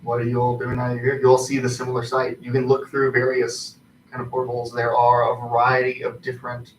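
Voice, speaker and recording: A man improvising tabletop game narration as game master, haltingly, searching for his words. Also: mid-range voice, monotone. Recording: distant mic, roomy echo, faint noise.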